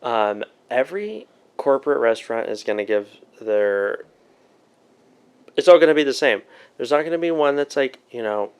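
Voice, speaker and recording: A man's voice: mid-range voice, animated, normal speed, clear, resonant tone. A man talking as a podcast guest in loose, casual chat, swearing now and then.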